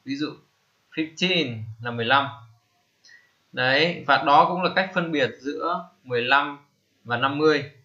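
Bright-voiced man teaching slowly. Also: on the high side, lo-fi sound. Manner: slow, repeats each term, many fillers. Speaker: English teacher. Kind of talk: screen-recorded lesson.

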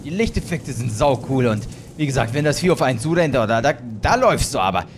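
Let's play host, male, jumpy and loud when scared, animated voice. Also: mid-range voice, a little fast, music in the background. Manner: excitable, swearing, shrieks when scared. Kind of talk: gaming commentary.

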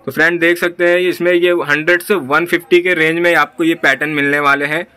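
With a fairly high, pushed and bright voice, this man speaks quickly in a level tone; the recording is dry and clean-toned. He's a vlog host with an Indian accent, interviewing a seller in a small indoor clothing shop for a market shopping vlog, repeating back answers and addressing viewers.

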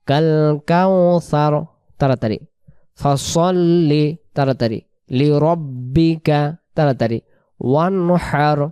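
A man teaching Quran pronunciation, spelling out letters and vowels one by one and repeating each word slowly. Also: on the high side, dark tone, smooth, no echo, clean studio sound.

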